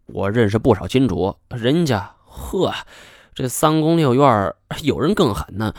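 A sly, smug middle-aged schemer, as a man voices him in an audiobook, wheedling and teasing and drawing out his sayings. The voice sits a little higher than the reader's own, with a lively, swooping lilt. The sound is dry and close. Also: unhurried, no room sound. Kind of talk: audiobook character voice.

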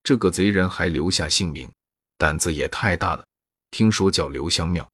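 A chatty male tavern waiter, as a male narrator plays him passes on rumors eagerly. His voice is low and husky. The recording is dry and close. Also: normal speed, fairly bright tone, no echo. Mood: gossipy. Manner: gossipy, talkative.

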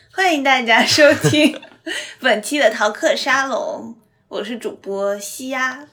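A woman's voice: sits high, takes it slowly, a bit bright. A woman in her twenties from China with a Mandarin accent, chatting casually and teasingly as a podcast host. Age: 20s. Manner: teasing, bantering. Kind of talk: casual, playful co-hosted podcast chat.

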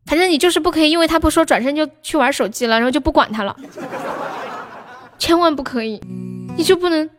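A woman's voice: high-pitched, fast talker, long pauses, music in the background. A young woman hosting a livestream, chatting casually and playfully teasing her viewers with advice. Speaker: livestream singer and host.

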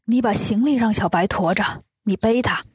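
A woman voicing a kindly, naive male monk in a children's story, speaking gently and simply. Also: mid-range voice, normal speed, husky, no room sound, studio quality. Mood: gentle.

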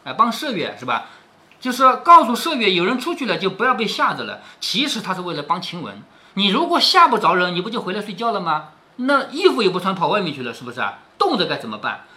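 Lively, bright-voiced man explaining a story. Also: sits high, quick pace. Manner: chatty explainer, asks rhetorical questions. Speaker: storyteller reading a classic novel to his daughter. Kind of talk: reading aloud with explanations.

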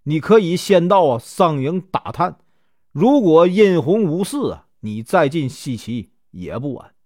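A man's voice: on the high side, very animated, measured pace, darkish tone, no echo, studio quality. A man storyteller voicing a sly, scheming male sorcerer who coaxes and insinuates. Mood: coaxing.

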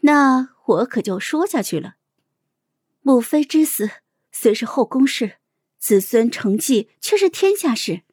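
A bold, sharp-witted young princess, voiced by a woman in a storybook reading. Her voice sits fairly high and leaps around expressively. The delivery is playful one moment, commanding the next. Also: very animated, unhurried, husky, dry recording, studio quality, full character voice. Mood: confident.

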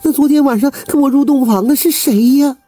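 A male storyteller voicing an anxious young woman, the rich man's daughter, in a high, urgent, pleading voice. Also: a little fast, dark tone, soft background music.

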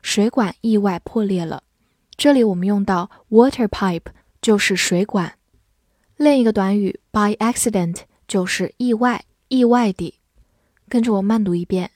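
A woman teaching English vocabulary, who spells out words letter by letter and reads example sentences slowly. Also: mid-range voice, darkish tone, dry recording, clean studio sound. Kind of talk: vocabulary lesson.

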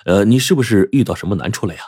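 A genial businessman of about fifty, coaxing and friendly in a low voice , as a male storyteller puts him on. Dry, close sound. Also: lively intonation, rapid-fire, darkish tone, slightly rough, no room sound. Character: affable rich boss, about fifty.

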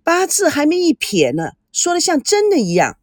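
A coy young woman teases and jokes with a lively, swinging voice, as a woman narrator puts her on. The sound is dry and close to the mic. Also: high-pitched, moderate pace, dry recording, pitched above the performer's own voice. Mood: teasing.

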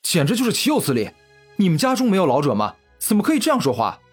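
A man's voice: high-pitched, wildly swooping pitch, fast, husky, faint music behind, pitched above the performer's own voice, exaggerated voice. A man voicing a righteous, hot-tempered young hero who rebukes bullies indignantly.

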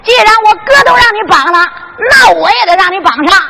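Cheeky young brother, voiced by a woman; high, bright, playful. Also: lively intonation, fairly quick, gravelly, long reverb tail, slight background noise, heavily acted. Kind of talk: Henan zhuizi storytelling dialogue.

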